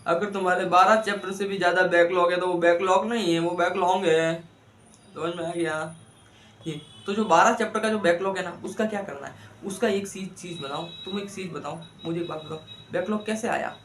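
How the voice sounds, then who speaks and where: High-voiced man coaching exam students. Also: steady tone, fairly quick, a bit bright, roomy sound. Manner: rhetorical questions, coaxing and scolding. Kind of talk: motivational study advice to students.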